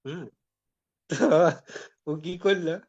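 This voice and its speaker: High-voiced man preaching through a story. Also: slow. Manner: conversational storytelling. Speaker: devotee preacher. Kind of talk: devotional talk with a personal story. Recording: dull lo-fi recording.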